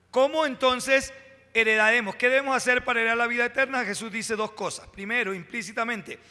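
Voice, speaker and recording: A high, bright male voice, preaching to his congregation. He pushes key words with rising emphasis and drops into pauses and direct asides. The sound rings with a long church reverb. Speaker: pastor. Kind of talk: sermon. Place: church sanctuary.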